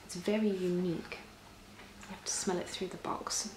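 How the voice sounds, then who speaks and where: Soft breathy woman, whispered role-play, roomy echo. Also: on the low side, little pitch movement, moderate pace. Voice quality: soft-spoken, often breathy and half-whispered. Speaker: ASMR performer playing a personal shopper. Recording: roomy echo, clear background noise.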